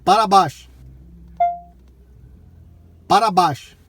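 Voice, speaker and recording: A Brazilian man from Bahia talking to a voice assistant in loud, clipped, carefully enunciated commands during an informal tutorial. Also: high voice, takes it slowly. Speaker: tutorial presenter, shop owner.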